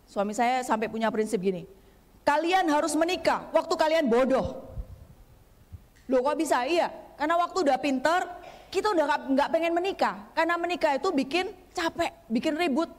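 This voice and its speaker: A woman guest pastor giving a chatty, humorous sermon in a church, often turning to speak straight to the congregation. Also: high voice. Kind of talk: conversational sermon. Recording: long church hall reverb.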